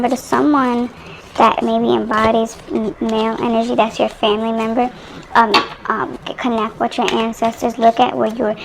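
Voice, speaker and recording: Young woman, tarot reader, chatty rambling delivery, slightly high voice, gravelly fry, phone mic. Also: a little hiss or hum, low-quality recording. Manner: chatty and rambling, addressing viewers directly. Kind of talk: casual tarot reading to viewers. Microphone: phone microphone.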